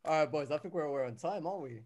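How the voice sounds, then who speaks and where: A man's voice: on the high side, quick pace, crowd noise. A man, co-hosting a casual podcast and rambling chattily with lots of fillers. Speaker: podcast co-host. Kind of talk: casual chat.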